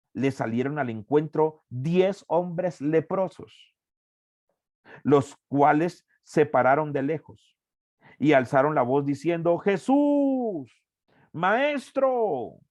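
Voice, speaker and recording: A male preacher leads an evangelism workshop, earnest and emphatic, repeating his key phrases for weight. His voice sits on the higher side. The sound is dry and close. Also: takes it slowly, a little mellow, dry recording.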